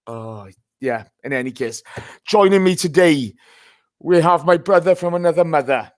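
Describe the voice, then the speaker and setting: A man's voice: on the high side, normal speed, no echo, studio quality. A hungover man hosting a casual live football fan show, talking in a blunt, matey way.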